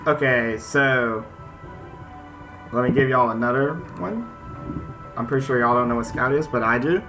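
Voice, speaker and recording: Over background music in a poor-quality recording, an American gaming video host talks at normal speed in a mid-range voice. He mixes casual commentary with reading game text aloud, informal and given to stammering and repeating words.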